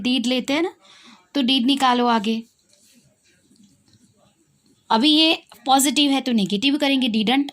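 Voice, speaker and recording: A young woman speaks in a slightly high, somewhat bright voice, carrying an Indian accent. In her English grammar lesson she asks questions, answers them on her students' behalf, and repeats key points.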